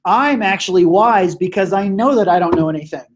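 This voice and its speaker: A man's voice: high-pitched, a little fast, pitched above the performer's own voice, close to an everyday voice. A teacher lightly putting on an older Greek thinker who is humbly puzzled by everyone around him. He talks in an easy, everyday way. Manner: casual, breezy retelling of the figure's thoughts.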